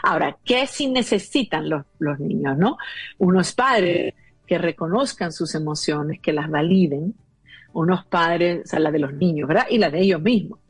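A woman's voice: fairly low pitch, moderate pace, breathy edge, no room sound, soft background music. A woman in her fifties talking as a guest about parenting, explaining earnestly with many fillers. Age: 50s. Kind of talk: conversational advice talk.

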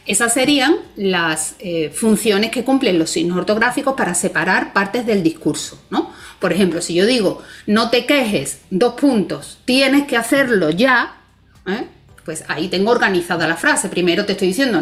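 A woman guest explaining punctuation in a conversation, patient and methodical, often checking in with tag questions. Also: mid-range voice. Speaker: Spanish language expert guest.

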